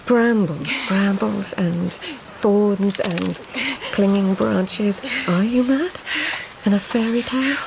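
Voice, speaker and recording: A woman's voice: mid-range voice, slow pace, gravelly, noisy background. An actress playing a weary, fearful court lady in a radio drama, brooding and slipping into whispers. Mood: frantic. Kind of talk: radio drama acting, intimate inner monologue and dialogue.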